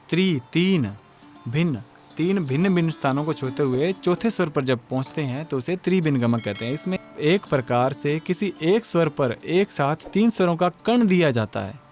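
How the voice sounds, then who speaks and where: A man's voice: fairly high pitch, darkish tone. A male music teacher giving an exam-prep lecture, explaining step by step and asking and answering his own questions.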